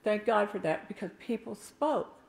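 A woman's voice: medium pitch, animated, moderate pace, vocal fry. An older woman preaching a sermon in a church, emphatic and talking with her hands, with asides to the congregation. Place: church sanctuary. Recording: echoey church room.

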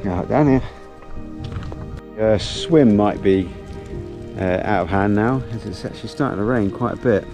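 A middle-aged man hiking along a mountain ridge chats casually to the camera and his dog in this outdoor vlog, filmed on a pole-mounted action camera. His voice sits on the low side and moves a little slowly, with music playing in the background.

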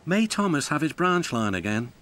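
A man's voice: on the high side, big pitch swings, normal speed. Man voicing Gordon, a grand proud engine. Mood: humble. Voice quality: grand, boastful. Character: grand, proud big male steam engine. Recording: narration over loud music.

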